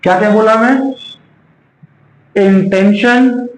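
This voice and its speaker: A man's voice: sits high, a little slow. A male teacher giving a classroom grammar lesson, quizzing his students again and again. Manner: quizzes students with repeated questions. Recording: roomy classroom echo.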